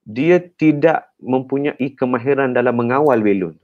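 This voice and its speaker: A Malaysian-accented man, appearing as a counselor guest on a radio talk show, explains things in a lively, teacherly style, often adding "ha" and "kan" tags. His voice is medium in pitch and moderately paced. The studio audio sounds dull.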